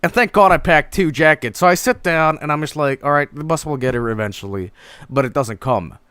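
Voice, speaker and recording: A man's voice: on the high side, brisk, fairly bright tone, smooth, no room sound, studio quality. A young man streamer telling a story casually to his viewers, exasperated and swearing, acting out his own panicked lines. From Sweden.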